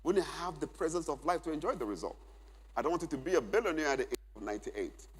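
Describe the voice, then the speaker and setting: Middle-aged guy preaching at a men's conference, husky voice, repeats stuff for notes, big echoey hall. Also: a little high, lively intonation, quick pace. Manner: emphatic, repeats key phrases for note-taking. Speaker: conference speaker. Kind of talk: church conference teaching. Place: large church hall. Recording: long hall reverb.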